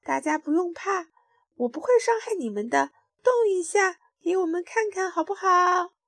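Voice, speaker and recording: A friendly scallop from a children's storybook, cheerful and reassuring. The voice is high, with a dry, close sound, as a woman puts it on. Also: moderate pace, gravelly, a bit bright, no echo, full character voice.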